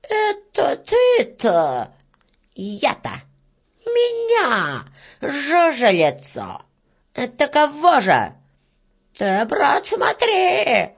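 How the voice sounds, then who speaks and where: A woman voicing a stingy, spiteful old female ground beetle with a shrill, squeaky voice, for a storybook reading. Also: wildly swooping pitch, very slow, vocal fry, long pauses, heavily acted. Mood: shrill outraged. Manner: scolding, snappish. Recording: dull lo-fi recording.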